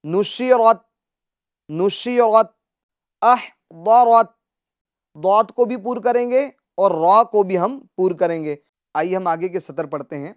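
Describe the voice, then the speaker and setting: Smooth-voiced Quran recitation teacher. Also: mid-range voice. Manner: slow drawn-out recitation of words, then brisk explanations; asks questions and answers them. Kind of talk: televised Quran reading lesson.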